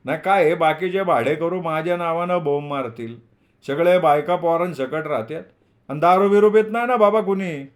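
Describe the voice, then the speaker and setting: A man reading a novel aloud, voicing an older male landlord with a raised, loud, chatty rustic manner. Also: fairly high pitch, normal speed, voice pushed up, close to an everyday voice. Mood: fussy, genial. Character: older male village landlord, fussy, talkative.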